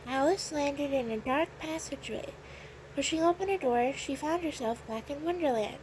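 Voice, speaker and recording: Woman, narrator, children's storybook, high voice, expressive, faint noise. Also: normal speed, rough recording.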